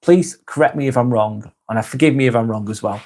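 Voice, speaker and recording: Brisk and a little mellow, a mid-range male voice from England runs a casual livestream chat. As the live vlog host he reads viewers' messages, correcting himself often and laughing readily.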